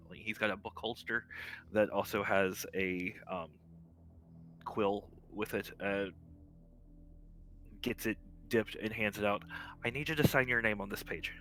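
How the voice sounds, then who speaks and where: A man's voice: on the low side, pushed and bright. A man in a tabletop game, narrating his character's actions in a hesitant way. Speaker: player.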